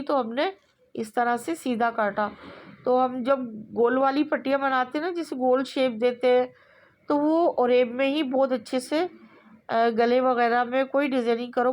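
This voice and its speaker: Slow, chatty woman teaching sewing. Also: sits high. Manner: relaxed, repetitive, hesitant with fillers. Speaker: sewing instructor. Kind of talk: step-by-step tailoring tutorial.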